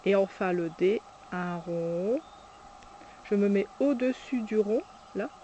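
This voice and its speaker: A preschool teacher slowly demonstrating cursive letter by letter, patiently naming each stroke aloud. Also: medium pitch, mellow, dull audio, a little hiss or hum. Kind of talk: step-by-step handwriting demonstration.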